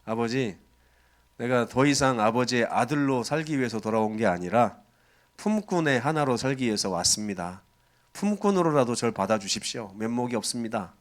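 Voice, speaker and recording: A man's voice: mid-range voice, lively intonation, normal speed, natural voice. A man doing a humble repentant younger son. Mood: ashamed. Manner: humble, pleading.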